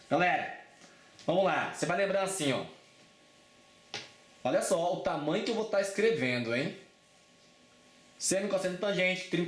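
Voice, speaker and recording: A man's voice: fairly high pitch, echoey room. A man with a Brazilian Portuguese accent teaching a casual exam-prep math lesson, chatty and informal, often checking in with his students. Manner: chatty and informal, with frequent check-ins and slang.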